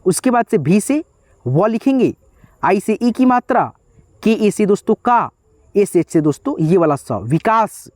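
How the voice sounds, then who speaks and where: A man's voice: high voice, very animated, a little slow, darkish tone, dry recording, studio quality. A man teaching an online lesson, patiently spelling out words piece by piece and often calling his viewers friends. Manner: repetitive, patient step-by-step spelling out. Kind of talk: whiteboard lesson.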